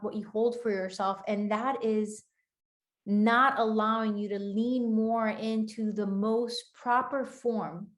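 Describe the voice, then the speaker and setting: Earnest woman with a Spanish accent. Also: medium pitch. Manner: earnest, flowing, often slowing to stress words. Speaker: spiritual teacher. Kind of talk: channeled spiritual talk.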